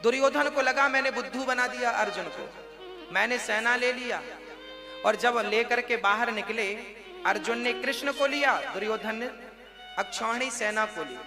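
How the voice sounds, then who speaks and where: A man telling a devotional story as a sermon to his audience, lively and acting out the dialogue. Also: very high-pitched, moderate pace. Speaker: spiritual storyteller. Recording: live sermon with violin music behind.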